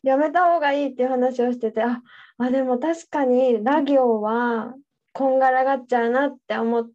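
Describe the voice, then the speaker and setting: A woman co-hosting a casual podcast chat, teasing and tossing out quick jokes. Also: high-pitched, fairly even intonation, a little mellow, highs cut off. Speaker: podcast co-host.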